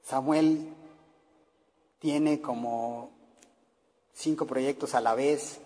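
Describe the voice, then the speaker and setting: A man's voice: mid-range voice, steady tone, drawn-out words, warm tone, long reverb tail. A middle-aged man with a Mexican accent, preaching earnestly to parents, with many fillers. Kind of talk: sermon to parents.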